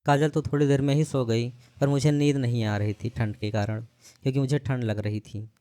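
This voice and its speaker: A man's voice: mid-range voice, steady tone, moderate pace, warm tone, dry recording. A man telling a first-person story in a chatty way, speaking directly to his listeners as friends.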